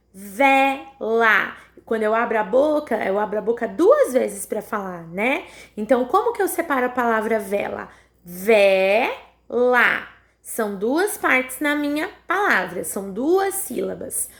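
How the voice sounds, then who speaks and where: A woman's voice: on the high side, big pitch swings, moderate pace, creaky. A woman with a Brazilian Portuguese accent teaching a recorded lesson to young children, patiently sounding out words syllable by syllable and often checking in with the class. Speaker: primary school teacher.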